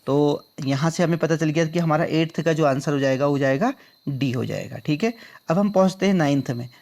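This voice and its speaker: Man going through exam questions, higher-pitched. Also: a little fast, creaky, darkish tone. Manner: drills answers by repeating them back as questions; addresses viewers as friends. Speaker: exam prep teacher. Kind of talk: explaining quiz answers.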